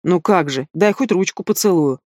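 A reader voicing a loud, brash winged male demon in an audiobook, booming and teasing. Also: moderate pace, no room sound, clean studio sound, natural voice. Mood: boastful. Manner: booming, roaring with laughter. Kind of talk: audiobook character voice.

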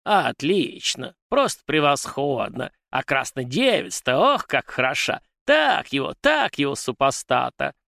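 A man's voice: mid-range voice, sing-song, a little slow, gravelly, few pauses, bright, forceful tone, dry recording, clean studio sound, pitched above the performer's own voice, heavily acted. A man doing a gleeful, pompous old onlooker.

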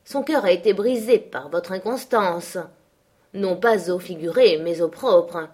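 Menacing brooding man, forceful and scornful, read by a woman. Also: lowish voice, measured pace, husky. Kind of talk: audiobook character voice.

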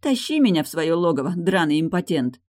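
A woman's voice: low voice, sing-song, a little fast, a little mellow. A woman voicing a bold, mocking captive woman who taunts her captor in an audiobook. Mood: taunting. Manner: taunting, sneering.

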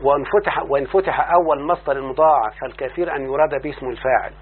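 Through a tinny, phone-like line carrying a faint hum, a man with an Egyptian accent and a husky, medium-pitched voice explains a classical text to a student. Teaching Arabic morphology, he stretches word forms out slowly and keeps asking whether the student follows.

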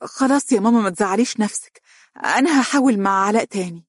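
A woman's voice: deep voice, fairly even intonation, a little fast, a little mellow, breathy edge, no echo, clean studio sound. A narrator voicing an earnest young woman with an Egyptian accent. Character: eager young Egyptian woman, devoted sister.

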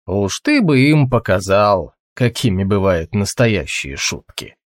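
A man's voice: on the low side, sing-song, measured pace, no echo, clean studio sound, voice pushed down. A man voicing a seasoned male hunter in a storybook reading, with a laconic, teasing delivery. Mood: wry.

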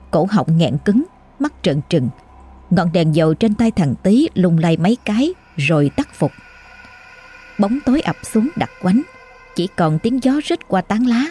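A woman storyteller reading a horror story aloud in a slow, suspenseful way. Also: on the low side, dark tone, husky. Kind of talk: scripted horror story narration.

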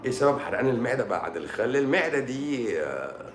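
Egyptian man, doctor on a live stream, sore throat, lively and sarcastic banter, echoey room. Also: mid-range voice, quick pace, soft background music. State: sore throat and swollen eye. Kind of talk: casual live-stream chat answering comments.

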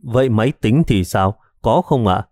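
A man's voice: on the low side, expressive, normal speed, a little mellow, no echo, studio quality. A man voicing an agitated police detective who questions an old woman insistently in an audiobook. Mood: curious. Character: agitated young male police detective, pushy.

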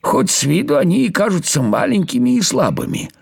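A man reads a children's fairy tale aloud at an unhurried pace. His voice is husky with a gravelly edge, and it rises and falls in a lively way. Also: high voice. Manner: slow and expressive. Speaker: narrator. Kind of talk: storybook reading.

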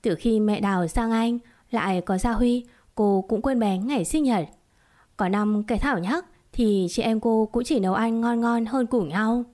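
A woman's voice: on the high side, moderate pace. Woman narrating a romance audiobook. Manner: steady storytelling, reads all characters. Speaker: story narrator.

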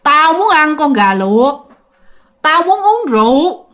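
A woman voicing a menacing male spirit that has possessed a young man, speaking in slow, drawn-out, gloating threats. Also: high voice, very animated, a bit bright, pitched above the performer's own voice, heavily acted. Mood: greedy demanding.

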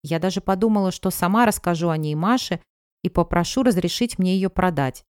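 A woman's voice: fairly low pitch, fairly quick, a little mellow, smooth, dry recording, studio quality, natural voice. A woman voicing an anxious, self-justifying woman friend talking on the phone in an audiobook. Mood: defensive.

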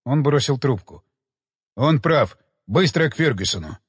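Expressive male audiobook narrator, husky. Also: mid-range voice, unhurried, no echo, big-room sound. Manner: expressive, dramatic reading.

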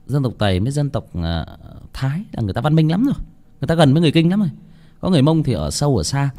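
A man's voice: fairly low pitch, mellow. A man telling a ghost story in a casual, rambling way, with many restarts and repeated words, speaking straight to his listeners.

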